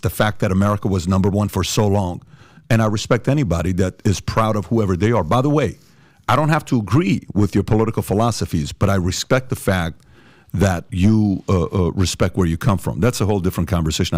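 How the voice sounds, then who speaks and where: An emphatic man from Iran hosts a podcast in a lowish voice. He circles back on points with plenty of fillers, and the sound is dry and close on a studio mic. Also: a little mellow, no room sound. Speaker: podcast host. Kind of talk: opinionated podcast chat.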